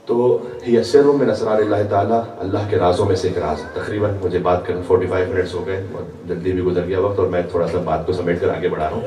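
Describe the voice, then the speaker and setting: A man's voice: sits low, steady tone, hardly any pauses, mellow. A male guest preacher delivering a religious sermon at a gathering, weaving chanted quotations into his explanations. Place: large hall at a religious gathering. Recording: echoey hall picked up from far off.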